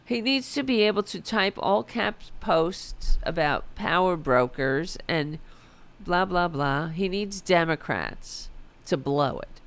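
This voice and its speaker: Reading an article aloud on her political commentary show, a raspy-voiced woman fires back with profane, sarcastic outrage. Her voice runs low with lively intonation, and she takes things slowly.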